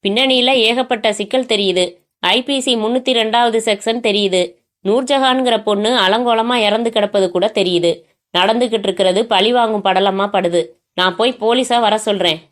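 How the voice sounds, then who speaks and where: A woman voicing a young male private detective who talks in a confident, brisk, teasing way. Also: medium pitch, close to an everyday voice.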